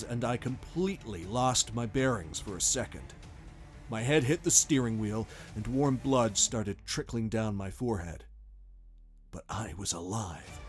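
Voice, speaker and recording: A man reading a first-person horror story aloud in a tense, dramatic way. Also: mid-range voice. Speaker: narrator. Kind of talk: scripted horror narration.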